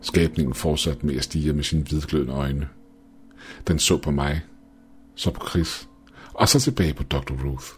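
Very deep-voiced man narrating horror. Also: pauses often. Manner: tense, dramatic first-person storytelling. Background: faint music.

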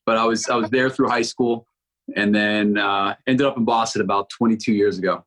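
A man's voice: lowish voice, steady tone, a bit bright. A man in his forties from Connecticut, a record label founder talking as a guest in a casual interview, often restarting and repeating words. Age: 40s. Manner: halting, repeats words while thinking.

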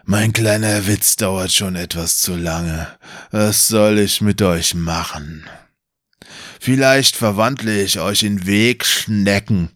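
A man doing a slow, mocking villain wizard. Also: fairly low pitch, fairly bright tone, dry recording, clean studio sound. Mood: taunting. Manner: slow, drawn-out taunting.

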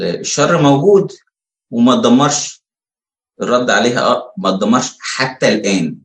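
Egyptian man preaching in an echoey room. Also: medium pitch. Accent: Egyptian Arabic. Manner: conversational teaching, rhetorical questions, many fillers. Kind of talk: sermon.

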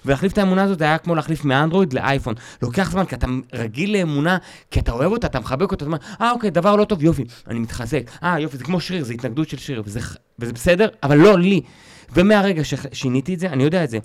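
A man's voice: on the high side, dry recording. A man who is a stand-up comedian, telling stories in a casual podcast chat and acting out the voices he quotes. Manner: animated storyteller, acts out quoted voices.

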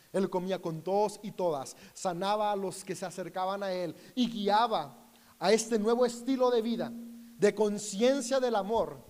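A man with a high, bright voice preaches an earnest sermon straight to a camera. He tells a story about his own family and quotes both sides of the conversation. A long reverb trails behind his voice. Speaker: pastor.

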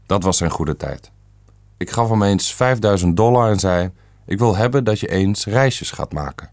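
A man's voice: lowish voice, lively intonation, normal speed, darkish tone, no echo, studio quality. A man reading the part of a stern, self-assured elderly great-uncle who speaks bluntly and matter-of-factly.

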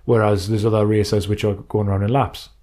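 Reading listener messages and chatting loosely about retro racing games, this podcast co-host has a fairly low, mellow voice. He talks fairly quickly with a flat delivery.

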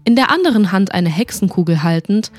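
A woman narrating a humorous fantasy audiobook story in a lively storytelling manner. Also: mid-range voice, brisk, soft background music.

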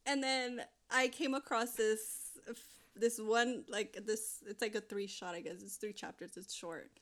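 Rambling young woman, slightly high voice. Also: steady tone, measured pace, fairly bright tone. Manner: rambling, lots of fillers and restarts. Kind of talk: casual chat.

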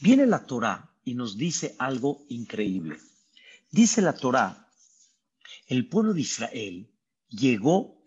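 Animated husky rabbi with a Mexican accent. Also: male voice. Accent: Mexican Spanish. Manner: animated storytelling, acting out voices with high cries. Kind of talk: sermon. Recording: dull lo-fi recording.

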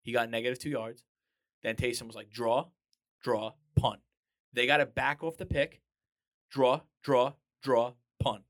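Animated man with a bright voice. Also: mid-range voice, moderate pace. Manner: animated, acts out quotes, many restarts. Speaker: podcast co-host. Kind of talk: casual sports chat.

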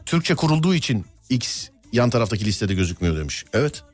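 Lively fast-talking man hosting radio. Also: mid-range voice, faint music behind. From Turkey. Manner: animated storyteller, quick and playful. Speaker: radio host. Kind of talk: casual studio banter.

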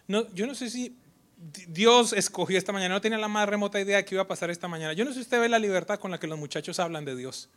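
A man preaching a sermon as pastor, swinging from loud, animated delivery to hushed near-whispers and mocking imitations of others. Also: sits high, quick pace. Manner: acts out quoted voices mockingly.

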